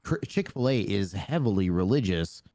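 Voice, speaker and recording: A young man in casual podcast chat, talking in a low voice. He jokes, swears freely and drifts off on tangents. The sound is dry and close, with no room echo. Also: expressive, normal speed, mellow. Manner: joking, swearing, goes off on tangents. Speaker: podcast co-host.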